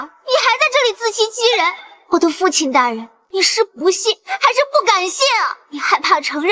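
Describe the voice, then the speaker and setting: A woman's voice: very high-pitched, sharp tone, exaggerated voice. A young woman playing a defiant daughter of an immortal sect, speaking sharply and scornfully. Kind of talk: dubbed costume drama acting.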